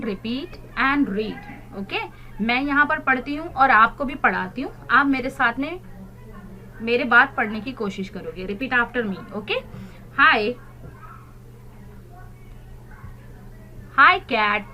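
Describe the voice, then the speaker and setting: A woman's voice: fairly high pitch, sharp tone. A woman teaching young children, explaining in Hindi and spelling words out letter by letter. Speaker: primary school English teacher. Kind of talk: recorded online class lesson.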